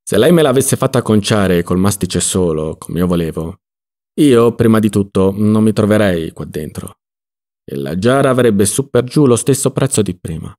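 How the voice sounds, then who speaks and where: A man playing Ziddima, a placid sly jar-mender. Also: fairly low pitch. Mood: reasoning. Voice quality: calm, unhurried, slightly mocking.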